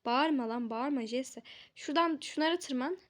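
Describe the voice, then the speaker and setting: A woman's voice: sits high, moderate pace, lightly acted. Woman doing a grumpy little talking lemon. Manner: gruff, bossy, shushing.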